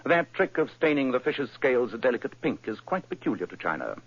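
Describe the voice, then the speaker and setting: An actor playing Sherlock Holmes, a cool, brilliant Victorian detective, speaking in a dry, precise, lecturing way in an old-time radio drama. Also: male voice, mid-range voice, very animated, brisk, breathy edge. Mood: deducing. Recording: dull lo-fi vintage radio recording.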